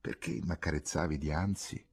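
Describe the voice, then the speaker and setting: A man reading the part of a cunning, evasive young woman in a soft, low, wheedling voice. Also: steady tone, normal speed, breathy edge, heavily acted. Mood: coaxing.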